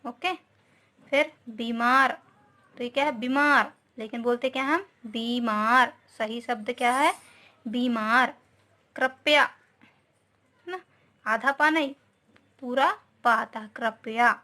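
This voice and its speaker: A woman's voice: high-pitched, unhurried, pauses often, bright, forceful tone. A woman teacher giving a grammar lesson to young children, patiently explaining each word and saying "okay" often.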